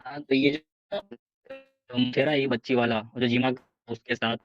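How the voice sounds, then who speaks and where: A man speaking haltingly and defensively in a heated online debate, over call audio that glitches and cuts out. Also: mid-range voice, steady tone, muffled recording, soft background music. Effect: glitching, cutting-out call audio. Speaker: guest caller in a debate stream. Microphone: remote call mic.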